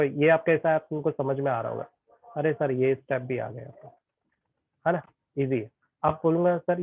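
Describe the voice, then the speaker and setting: A man's voice: a little high, dry recording. A male tutor teaching an online physics class, chatty and often checking that students follow. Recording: tinny phone-like online class audio.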